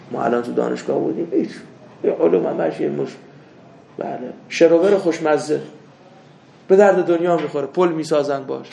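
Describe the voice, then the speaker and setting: A man teaching a seminary lesson, mixing anecdotes with doctrine, swinging from loud rebukes to soft asides. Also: fairly high pitch, gravelly, slight background noise. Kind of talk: religious lecture with anecdotes. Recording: echoey room with faint ambience.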